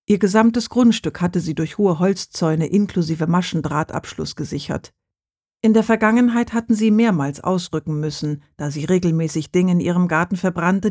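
An audiobook reader narrating a crime novel in a calm, steady way. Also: mid-range voice, no room sound, studio quality.

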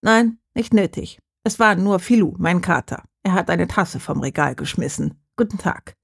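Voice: mid-range voice, lively intonation, normal speed, creaky, breathy edge. An audiobook reader voicing a stubborn, reclusive woman of around eighty who answers curtly and firmly. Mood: dismissive. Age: 80s. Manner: curt, firm.

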